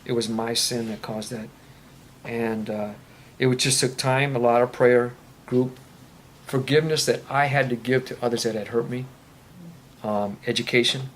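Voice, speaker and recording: Answering questions from the audience at a faith-based recovery meeting, this man speaks earnestly for a recovery ministry, wandering and restarting frequently in a meeting room. His voice is mid-range with fairly even intonation at a moderate pace, against slight background noise.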